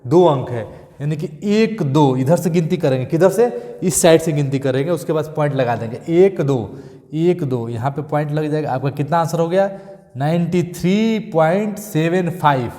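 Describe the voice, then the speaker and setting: A male maths teacher, repeating steps and checking in often with "thik hai" and "clear". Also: a little high, lively intonation, normal speed, mellow, long reverb tail. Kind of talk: classroom maths lesson.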